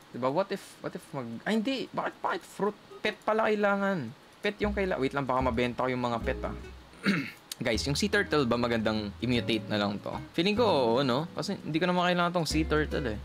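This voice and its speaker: Excitable Filipino gaming streamer, music behind. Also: male voice, mid-range voice. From Philippines. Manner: excitable, mixes English and Tagalog, talks to chat. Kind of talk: casual gameplay commentary to chat. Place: indoors at someone else's house, keeping voice down. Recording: clear game music under voice. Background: background music.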